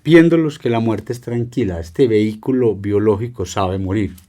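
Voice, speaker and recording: Middle-aged doctor, mellow dark voice, unhurried storyteller. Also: male voice, fairly low pitch. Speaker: palliative care doctor, podcast guest. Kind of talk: reflective conversation and storytelling.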